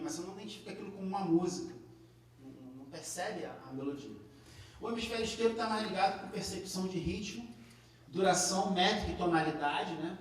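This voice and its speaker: A man's voice: a little high, a little hiss or hum. A man with a Brazilian Portuguese accent giving a live classroom lecture, explaining step by step with frequent tag questions and restarts. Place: large echoey lecture room. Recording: echoey hall recorded from a distance.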